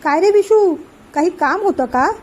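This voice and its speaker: A woman's voice: very high-pitched, expressive, normal speed, a little mellow, pitched above the performer's own voice. A woman reading the part of a caring middle-aged aunt who coaxes affectionately. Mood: coaxing. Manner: coaxing, affectionate.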